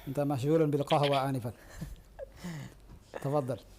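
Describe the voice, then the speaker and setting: A man's voice: mid-range voice, steady tone, moderate pace, a little mellow. A man teaching an Arabic lesson on radio, patiently correcting students with short affirmations.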